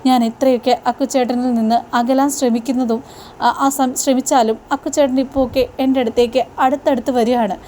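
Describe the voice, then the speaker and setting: A woman's voice: high voice, fairly even intonation, a little fast, warm tone, a little hiss or hum, close to an everyday voice. A woman reading the lines of a tearful, pleading young wife in a plain retelling voice. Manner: earnest, plain retelling of her words.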